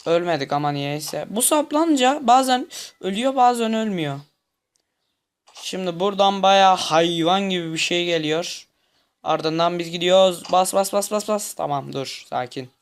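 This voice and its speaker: A young man comments on his game in a tense mutter, getting frustrated easily. He speaks at a moderate pace in a high-pitched, clean-toned voice.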